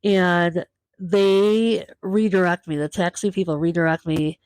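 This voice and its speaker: A woman hosting a podcast, telling a travel story casually and lively, acting out the voices of the people she met. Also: on the low side, unhurried, dry recording. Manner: lively, acts out quoted voices. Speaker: podcast host.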